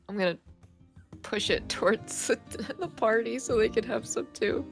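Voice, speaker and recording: A woman's voice: a little high, slow pace. A woman talking casually as a player in a tabletop game. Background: background music.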